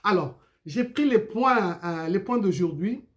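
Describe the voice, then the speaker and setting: A woman giving an informal video sermon, animated and full of rhetorical questions. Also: mid-range voice, a little slow, highs cut off. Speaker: preacher.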